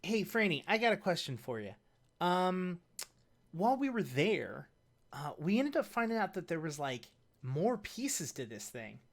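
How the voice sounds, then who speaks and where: Player with a lively, swooping voice, halting and casual. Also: medium pitch. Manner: halting and loose, many fillers. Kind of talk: casual role-play banter.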